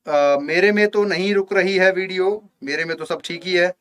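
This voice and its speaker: A man teaching English vocabulary in a live online exam-prep lesson, coaxing viewers to comment and chanting memory tricks in a slow singsong. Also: high-pitched, fairly even intonation, a bit bright. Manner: addresses viewers as children, asks for comments.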